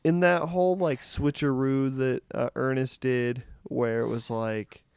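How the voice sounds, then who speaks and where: Young male co-host, casual review chat; halting and filler-heavy, gravelly and dry. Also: medium pitch, fairly even intonation, a little mellow, dry recording. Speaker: podcast co-host.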